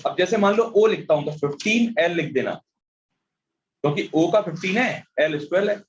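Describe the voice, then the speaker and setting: Fairly quick and with lively intonation, a high-voiced man runs an online reasoning class in Hindi and English, spelling letters individually and scolding students who slip up. The audio is dull, with a little hiss or hum.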